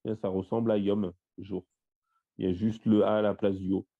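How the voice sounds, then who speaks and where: A man with a lowish voice teaches an online Bible study, walking through word meanings slowly, point by point. His speech is full of little fillers as he works through the list. The audio is dull and lo-fi, like a voice call. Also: little pitch movement, creaky, warm tone. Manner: lists word meanings in a slow, step-by-step way with fillers. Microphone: voice-call microphone.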